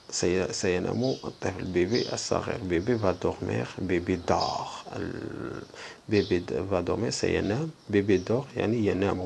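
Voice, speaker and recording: Give me a gravelly man teaching French. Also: on the low side, darkish tone. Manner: repeats each French phrase slowly, then translates it quickly into Arabic. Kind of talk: language lesson, reading French sentences aloud slowly and explaining them in Arabic. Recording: faint background noise and clicks.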